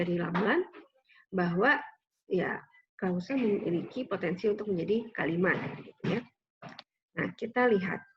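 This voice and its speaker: Woman lecturer, patient classroom explainer, muffled home recording. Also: mid-range voice. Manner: patient explaining with frequent "gitu ya" tags. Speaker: university lecturer. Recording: slightly dull lo-fi audio with faint noise.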